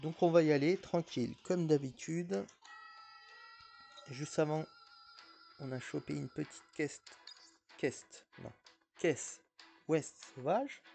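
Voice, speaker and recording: A man's voice: a little high, measured pace, vocal fry, long pauses, mellow, faint music behind. A man giving casual, rambling gameplay commentary as a mobile gaming YouTuber, with frequent hesitations and restarts.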